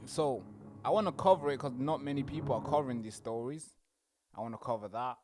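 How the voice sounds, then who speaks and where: A man's voice: mid-range voice, a little fast, noisy background. A young man from Tanzania hosting his own show, talking casually and straight to his viewers, often repeating phrases. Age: young adult. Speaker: show host. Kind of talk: casual livestream commentary. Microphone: wearing headphones.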